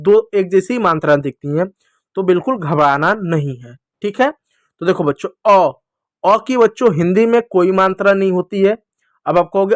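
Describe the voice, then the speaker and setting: High-voiced patient male teacher. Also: no room sound, clean studio sound. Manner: patient, repeats sounds slowly, calls listeners children. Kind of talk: Hindi lesson for children.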